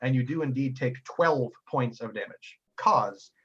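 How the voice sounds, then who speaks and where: A man narrating a tabletop role-playing game as game master, animated and excitable, with frequent ums and uhs. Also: mid-range voice, measured pace, husky, lo-fi sound.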